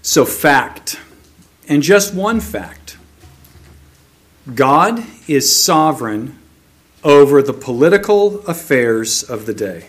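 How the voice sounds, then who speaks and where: A man delivers a sermon at an unhurried pace. His voice rises and falls with a lot of movement in pitch as he reads scripture and explains it. He sits somewhat high for a man. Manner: slow, measured reading with lively emphasis. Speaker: preacher.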